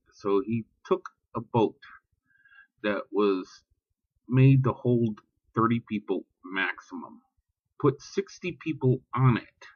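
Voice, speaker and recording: A man's voice: medium pitch, dry recording, lo-fi sound. A man ranting bluntly and profanely in a casual vlog, talking about religion with heat. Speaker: vlogger. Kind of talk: casual spoken rant.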